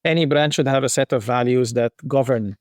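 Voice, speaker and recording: A man's voice: mid-range voice, fairly quick, dry recording, clean studio sound. A middle-aged man from Egypt, a marketing executive talking through ideas as a podcast guest, thinking aloud with frequent restarts and fillers. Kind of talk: conversational podcast interview.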